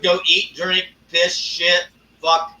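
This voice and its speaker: A man hosting a live stream, talking casually and ranting with lots of swearing and drawn-out fillers. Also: sits high, monotone, pushed and bright, recorded from a distance, slight background noise. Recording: echoey room, off-mic.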